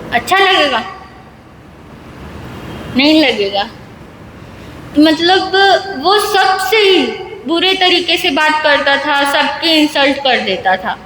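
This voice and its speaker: A woman's voice: high-pitched, a bit bright. A woman telling a moral story to an audience at a religious gathering, putting questions to the listeners in a simple, conversational way. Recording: echoey hall, faint background hum.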